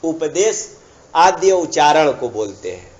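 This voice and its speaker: A man's voice: on the high side, sing-song, unhurried, a little mellow. Man teaching grammar, lo-fi. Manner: repetitive, checks understanding with asides. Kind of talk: explanatory grammar lesson. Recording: dull lo-fi recording.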